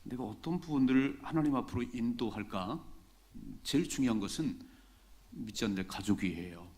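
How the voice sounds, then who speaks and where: A middle-aged pastor preaches to his congregation in a relaxed, talky way, often saying a key phrase twice to drive it home. His voice sits at an ordinary pitch for a man, neither high nor low. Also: normal speed. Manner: conversational preaching, repeats key phrases for emphasis. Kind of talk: sermon. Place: church sanctuary during a Sunday service.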